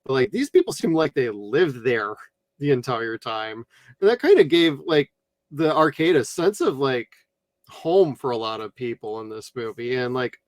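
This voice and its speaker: An American man chatting casually as a movie review co-host, in a slangy, animated way. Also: mid-range voice, no echo. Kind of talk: casual chat.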